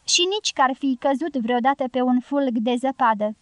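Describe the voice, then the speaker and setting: A woman voicing a blunt, bossy middle-aged peasant woman with a sharp, scolding tongue in an audiobook. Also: high-pitched, dry recording, close to an everyday voice.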